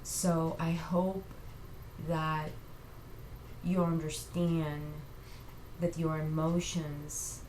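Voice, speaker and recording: A woman giving an earnest, halting personal faith testimony to camera, tearful and sounding like she has just been crying. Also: low voice, level tone, darkish tone. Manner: earnest, halting, reassuring listeners. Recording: echoey room with faint noise.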